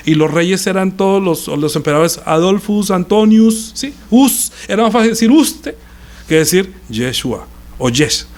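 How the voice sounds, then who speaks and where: A man preaching a sermon, explaining slowly and checking with his listeners, with sudden loud and soft turns. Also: high voice. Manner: explains step by step, often asks the congregation "¿sí?"; swings between loud and soft, stressing key words. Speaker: pastor.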